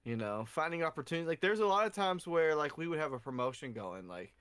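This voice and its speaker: A young man co-hosting a casual podcast, telling animated stories and cussing freely. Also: a little high, fast talker, clear, resonant tone, no room sound. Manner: animated storyteller, cusses freely, acts out quotes. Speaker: podcast co-host. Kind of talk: casual drunken storytelling chat.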